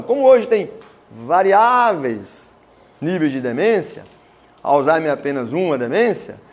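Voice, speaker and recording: A man giving a talk to students, telling stories and acting out the voices in them. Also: a little high. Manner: animated storytelling with voiced quotes. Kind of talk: lecture to students.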